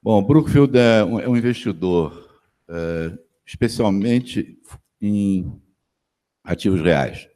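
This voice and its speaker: Brazilian guy, very low warm voice, talking on a conference stage with lots of pauses. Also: animated. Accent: Brazilian Portuguese. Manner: halting, many fillers and restarts. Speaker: panel speaker, company executive. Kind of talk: conference presentation.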